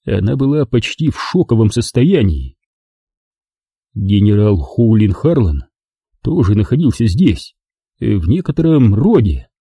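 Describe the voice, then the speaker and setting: Brief: male audiobook narrator, husky and dark, lively intonation, dry close sound. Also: fairly low pitch, a little slow, no echo. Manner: expressive storytelling.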